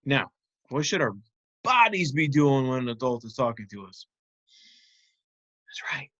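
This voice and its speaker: Male primary teacher, mid-pitched, simple instructive delivery with check-in questions, dry but slightly dull recording. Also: very animated, moderate pace, a bit bright, no room sound. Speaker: teacher of young children. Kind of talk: simple interactive children's lesson.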